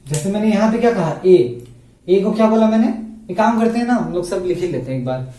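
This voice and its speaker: A man teaches a beginners' grammar lesson, asking his own questions and answering them step by step. His voice sits a little high but sounds mellow. He is recorded from a distance in an echoey room. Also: lively intonation, brisk.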